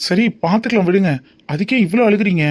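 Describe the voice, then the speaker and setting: A man's voice: high voice, quick pace, loud music behind the voice, natural voice. A man voicing an easygoing young man who jokes and reassures in a family cartoon. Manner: breezy, joking. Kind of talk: cartoon dub acting.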